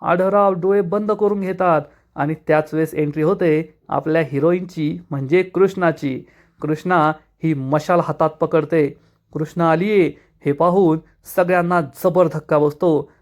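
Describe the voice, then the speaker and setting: A man's voice: a little high, fairly even intonation, measured pace. A man retelling a TV serial episode, reading out the characters' lines with urgency as he goes. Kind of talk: dramatic plot recap narration.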